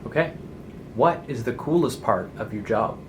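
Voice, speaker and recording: A man's voice: medium pitch, expressive, normal speed, slight background noise. A young man hosting a student interview, reading his questions in an upbeat, scripted way. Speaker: host, video producer.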